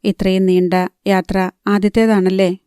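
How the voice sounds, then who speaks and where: A woman's voice: medium pitch, flat delivery, a little slow, mellow, clean tone, dry recording, studio quality, lightly acted. A woman narrator voicing an attentive young man who reassures a girl traveling with him, in an audiobook. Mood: reassuring. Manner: soothing, reassuring.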